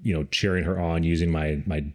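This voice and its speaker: A man co-hosting a podcast, giving casual advice on dog training, relaxed and rambling with lots of fillers. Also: deep voice, a little fast.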